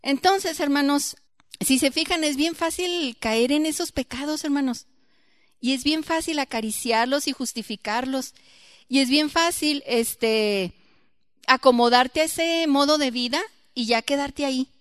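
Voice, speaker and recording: A woman giving a church Bible teaching, lively and questioning her group, acting out quoted voices. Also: high voice, unhurried, dry recording, clean studio sound.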